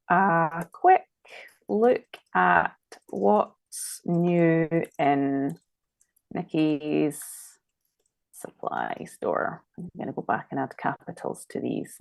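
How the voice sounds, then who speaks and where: A woman's voice: deep voice, creaky, darkish tone, no echo. A woman with a Scottish accent, a designer chatting casually and thinking aloud as she works through a live-stream demo. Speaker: designer guest.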